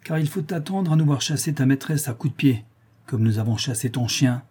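A man's voice: medium pitch, fairly quick, dark tone, husky, voice pushed up, natural voice. A man voicing a drunk, brutal young male bandit who snarls threats, reading a novel aloud. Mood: menacing.

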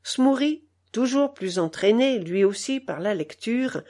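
A woman narrating a novel in a measured, expressive reading style. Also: fairly high pitch. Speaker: audiobook narrator. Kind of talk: scripted literary narration.

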